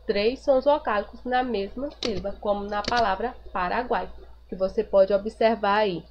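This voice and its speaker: A woman's voice: medium pitch, normal speed. A woman teacher giving a recorded grammar review lesson, patiently repeating each point and asking the class rhetorical questions. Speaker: primary school teacher. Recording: dull lo-fi recording with faint noise.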